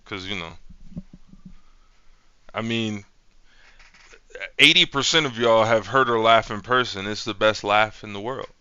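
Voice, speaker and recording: A man's voice: lowish voice, a little slow, pauses often, bright, forceful tone, smooth, no room sound, highs cut off. Man host, casual and profane, dry close sound. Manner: loose and profane, playfully rambling. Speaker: channel host. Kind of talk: casual chat.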